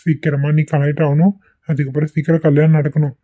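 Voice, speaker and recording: A man voicing a gentle, coaxing young husband. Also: a little high, flat delivery, fast talker, close to an everyday voice. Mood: wistful. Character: young husband, tender and pleading. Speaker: voice actor. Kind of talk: amateur cartoon voice acting. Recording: tinny phone-like recording.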